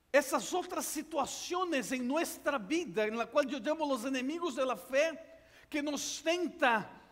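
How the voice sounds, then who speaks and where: A man preaching a sermon, telling a story and building up to loud, shouted passages. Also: very high voice, big-room sound. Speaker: pastor.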